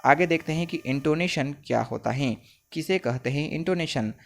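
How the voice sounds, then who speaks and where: Man slowly reading out lesson notes. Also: on the high side, gravelly. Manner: reads English phrases slowly, then explains in Hindi. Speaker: teacher. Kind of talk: exam paper lesson explaining answers.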